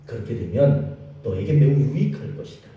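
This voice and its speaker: A man voicing a gentle, solemn God who speaks softly and reassuringly. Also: mid-range voice, big pitch swings, normal speed, very echoey, distant mic, phone-quality sound, faint music behind, voice pushed down, natural voice.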